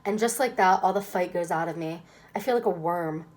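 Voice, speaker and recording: A woman's voice: lowish voice, fairly quick, darkish tone. A woman reading a children's novel aloud expressively, as first-person narration. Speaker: reader.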